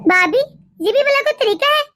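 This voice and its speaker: A woman voicing an irritable, bossy young sister-in-law in an animated cartoon, snapping her lines. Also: very high voice, normal speed, heavily acted. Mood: irritated.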